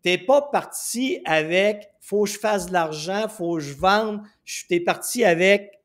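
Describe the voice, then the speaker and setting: A man's voice: high voice, measured pace, fairly bright tone. A man with a Québécois accent hosting a podcast, chatty and enthusiastic, telling anecdotes with frequent fillers. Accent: Québécois French. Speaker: podcast host. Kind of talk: casual podcast interview.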